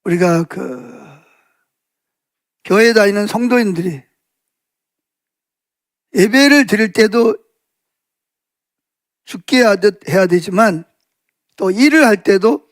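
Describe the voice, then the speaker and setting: A male pastor giving a Sunday afternoon sermon in a conversational storytelling way, full of fillers and asides, raising his pitch to act out quoted speech. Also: expressive, slow pace, long pauses, no echo, studio quality. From South Korea.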